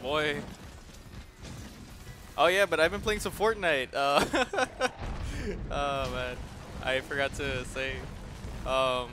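A man's voice: on the high side, slow pace, long pauses, bright, forceful tone. A young man giving casual gameplay commentary, rambling, swearing a lot and laughing often as he plays at home, with game music behind him. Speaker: gaming video host.

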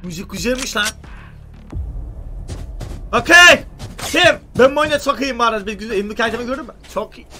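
Bright high-pitched excitable male streamer. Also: very fast, hardly any pauses, soft background music. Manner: excitable, swears a lot, yells greetings into voice chat. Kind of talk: casual gaming commentary.

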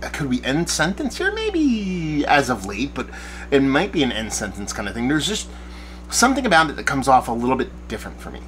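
A man's voice: medium pitch, wildly swooping pitch, fairly quick, fairly bright tone, a little hiss or hum, rough recording. A bearded man in his forties giving a casual, rambling beer review to camera from a small shed studio, often searching for words. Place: backyard shed studio at night, small room.

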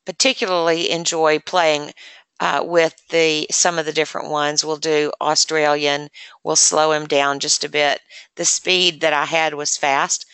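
A woman presenting a software demonstration lesson, explaining step by step in a chatty way with many fillers, close to the mic. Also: low voice, smooth, no room sound. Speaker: assistive technology presenter.

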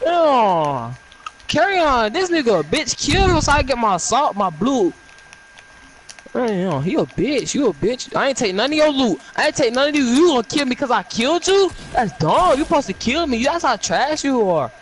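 High, lively young man trash-talking. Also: normal speed. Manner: taunting, repetitive, swearing. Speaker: gamer. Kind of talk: trash-talking gameplay chat.

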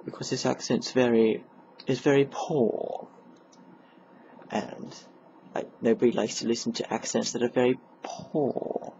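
A man's voice: mid-range voice, fairly even intonation, mellow. A young man from Perth, Australia, rambling into his new webcam at his computer, full of ums and trying out put-on accents. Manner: halting, many ums, putting on accents. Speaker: student vlogger. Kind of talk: rambling webcam test chat. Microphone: built-in webcam mic. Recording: lo-fi webcam audio with faint hiss.

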